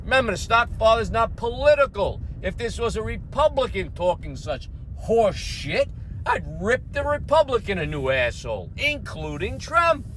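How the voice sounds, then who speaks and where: High pitched queens new york guy, middle aged, ranting and cursing, bit of noise behind him. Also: sing-song, normal speed, a bit bright, rough recording. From Queens, New York, United States. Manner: brash, profane, emphatic. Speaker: host of a finance commentary channel. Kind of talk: unscripted political rant to camera.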